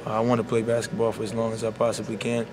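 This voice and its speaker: A young man, a college basketball player speaking softly and sincerely in a media scrum, leaning on "you know.". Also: fairly low pitch, monotone, rapid-fire, a crowd in the background. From Bahamas. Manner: soft-spoken and heartfelt, full of "you know". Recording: loud background noise.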